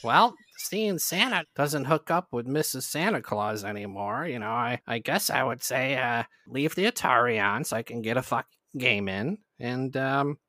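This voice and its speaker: A man hosting a podcast, chatting casually with animated, profane storytelling. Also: medium pitch, normal speed, hardly any pauses, no room sound, studio quality. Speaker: podcast host. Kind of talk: casual chat.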